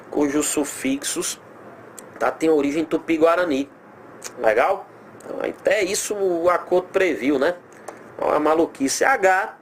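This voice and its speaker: A man with a Brazilian accent teaching a recorded grammar lesson, animated, drawing out example words slowly and asking himself rhetorical questions. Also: a little high, slight background noise.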